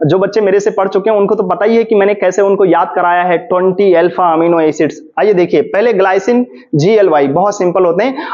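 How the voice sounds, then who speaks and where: High-voiced man giving a fast revision lecture. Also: a little mellow. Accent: Hindi-English mix. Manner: explains step by step, often asks and answers his own questions. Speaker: chemistry teacher. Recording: dull lo-fi classroom recording.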